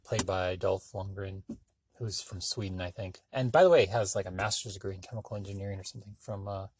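A man's voice: low voice, steady tone, a little fast, a little mellow, husky. A man hosting his own podcast, talking casually and meandering from thought to thought with many filler sounds. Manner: rambling, meandering, filler-heavy; offhand, self-deprecating. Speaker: podcast host. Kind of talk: solo casual monologue.

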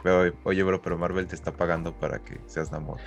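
A man's voice: low voice, flat delivery, fast, creaky. A Mexican man co-hosting a podcast in casual, slangy, jokey conversation. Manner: jokey, informal. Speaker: podcast co-host.

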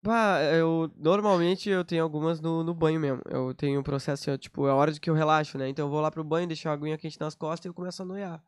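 A man from Brazil, a party organizer, telling lively, slang-filled stories in a casual chat. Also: fairly high pitch, clean tone. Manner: fast, animated storytelling with slang.

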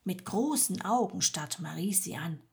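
Slow-reading woman storyteller. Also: lowish voice, lively intonation, gravelly, darkish tone. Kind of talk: scripted story narration.

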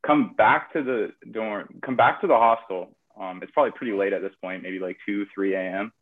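A man's voice: lowish voice, a little fast. A young man telling a long story in casual chat, rambling with lots of fillers. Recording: tinny phone-like audio.

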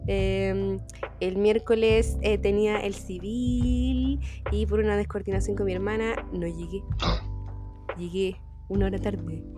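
A young woman with a Chilean accent telling a story in casual chat, animated and acting out the people she quotes. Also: unhurried, music in the background. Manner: animated, acts out quoted people in sudden high voices. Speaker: podcast co-host.

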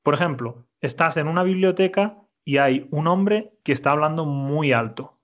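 Male language teacher, patient and clear, a bit high-pitched, muffled recording. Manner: patient, slow and clear, repeats answers. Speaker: Spanish teacher. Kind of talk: conversational language lesson.

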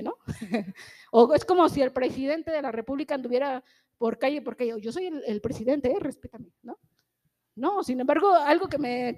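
High-voiced woman preaching casually. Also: darkish tone. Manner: chatty, constant tag questions, acts out quoted voices. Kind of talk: conversational church sermon.

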